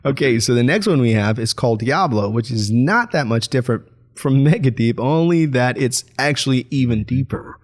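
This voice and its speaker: A man's voice: mid-range voice, lively intonation, moderate pace. A man streamer giving a casual, chatty product demo with frequent chuckles. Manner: upbeat, chatty, chuckles often. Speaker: streamer reviewing gear.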